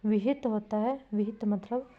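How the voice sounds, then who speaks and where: A woman's voice: on the high side, fairly even intonation, measured pace, dull audio. A woman teaching Hindi spelling to exam students, repeating each word and quizzing the class. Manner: repetitive, drilling, asks students questions.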